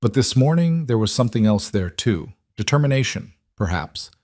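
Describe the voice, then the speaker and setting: A man narrating a drama story in a measured, even manner. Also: medium pitch, no room sound, studio quality.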